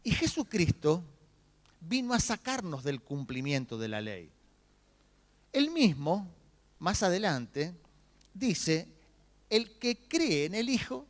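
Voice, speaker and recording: A man with a Rioplatense Spanish accent preaching a sermon, acting out the quoted lines as he goes. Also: high-pitched. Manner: animated, acts out quoted lines. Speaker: pastor.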